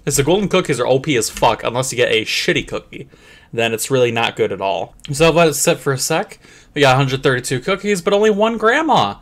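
A young man rambles through a clicker game in crude, profane, joking commentary. His pitch swings all over the place and often jumps into a squeaky high voice for a gag. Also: animated, a little fast, a bit bright. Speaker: gameplay commentator. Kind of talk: comedic let's play commentary.

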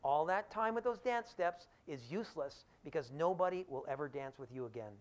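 A man's voice: a little high, expressive, a little fast, natural voice. A man voicing a stern king who grants his trust with a firm warning.

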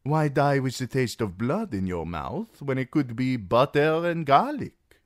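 For an audiobook, a man voices a fat, jovial merchant magister, smug and needling, purring mocking taunts in a genial, drawn-out, theatrical, sing-song way. His voice sits noticeably higher than a plain deep baritone and swings widely in pitch. It's recorded close and dry, with no room sound.

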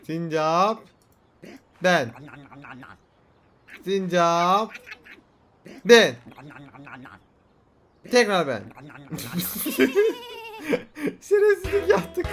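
A young man doing casual let's-play commentary, excitable, laughing often and shouting in frustration. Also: high-pitched. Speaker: gaming youtuber. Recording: faint game music behind.

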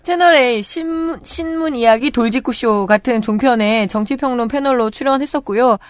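A woman with a slightly high voice reads out profiles in a brisk, matter-of-fact manner. The studio sound is dry and close. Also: no echo. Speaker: co-host presenting candidate profiles. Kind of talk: briefing-style chat.

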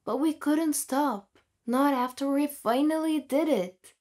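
Brief: female storyteller, first-person narration, slightly high voice, earnest and plain. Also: takes it slowly, a little mellow.

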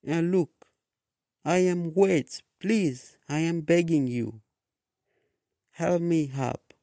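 Man putting on a high pleading young woman. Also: very slow, mellow, no echo, studio quality.

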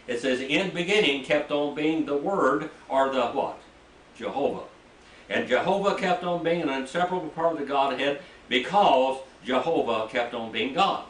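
In a small, echoey church room, an older man teaches a Bible class in a folksy way, quizzing his listeners and reading scripture aloud. His mid-range voice is a bit bright at a moderate pace. A room mic picks him up from a distance, with slight background noise.

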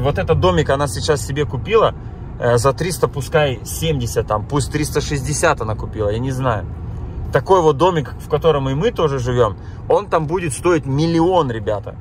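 A Russian-speaking vlogger from Kazakhstan who has lived in Germany talks in a fairly high voice, chatting casually with viewers while driving through town and often reacting aloud to what he sees. The audio carries a little hiss or hum.

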